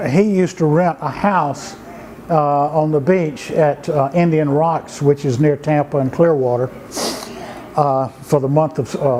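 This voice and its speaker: An older storyteller and writer from Georgia, USA, shares folksy family anecdotes at an easy, unhurried pace, his halting delivery full of "uh"s and restarts. His voice is a little high for a man, with a dark tone. The rough recording has faint background noise running underneath.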